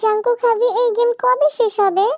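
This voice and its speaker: A woman's voice: very high voice, fairly even intonation, normal speed, darkish tone, dry recording, studio quality, voice pushed up. A woman voicing a naive, chatty little girl bride in a storybook drama, asking question after question in a whiny tone. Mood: pestering.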